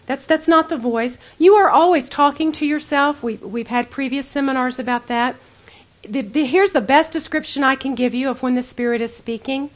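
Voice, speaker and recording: A middle-aged woman with a high, light voice gives a Bible teaching to a group of women. She speaks earnestly and conversationally, addressing her listeners directly as if chatting with friends. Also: normal speed.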